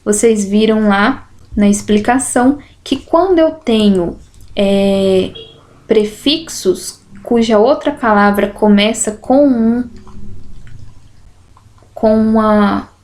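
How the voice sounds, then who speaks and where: A woman teacher with a slow, didactic way of talking, going through exercises in a lesson and stretching out syllables to make her points. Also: medium pitch, a little mellow. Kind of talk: explanatory lesson, correcting exercises.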